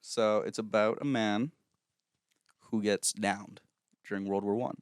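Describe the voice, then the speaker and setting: A man co-hosting a podcast in casual chat, full of joking deadpan quips, at an outdoor fire pit. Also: on the low side, a little slow, smooth, no echo, clean studio sound. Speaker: podcast co-host.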